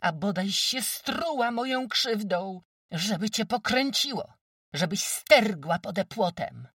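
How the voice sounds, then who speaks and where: A shrill village wife in a cursing rage, as an audiobook reader puts her on, her voice leaping high and swinging wildly. It sounds dry and a little distant from the mic. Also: expressive, takes it slowly, fairly bright tone, breathy edge, dry recording, full character voice. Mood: screaming fury. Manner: screeching, cursing. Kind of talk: audiobook character reading.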